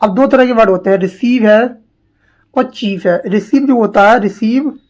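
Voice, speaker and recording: A woman teaching English spellings to exam students, repeating each word slowly and asking questions as she goes. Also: fairly high pitch, darkish tone. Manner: slow, drilling, repeats words and asks questions.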